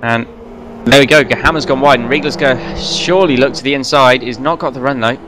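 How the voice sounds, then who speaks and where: A man giving fast, running play-by-play commentary on a sim race, now and then correcting himself. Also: medium pitch, steady tone. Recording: race car engine noise behind voice. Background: racing car engines.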